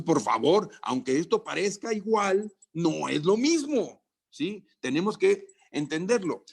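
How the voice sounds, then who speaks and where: A man lecturing nursing students, lively and joking, with theatrical asides and mock threats. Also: on the high side. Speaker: medical lecturer.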